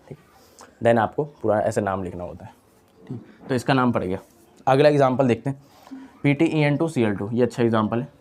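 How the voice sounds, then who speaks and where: Young male tutor, mid-pitched, chatty classroom delivery, repeats terms and quizzes himself aloud. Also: darkish tone. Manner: casual, repeats key terms, asks and answers own questions. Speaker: chemistry teacher. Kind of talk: online lecture.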